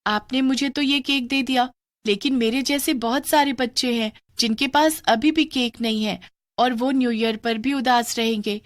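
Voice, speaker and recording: Casting: woman as a high, sweet, earnest young girl for a cartoon story. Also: fairly even intonation, normal speed, close to an everyday voice. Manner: earnest, bright, childlike. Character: poor, gentle young girl.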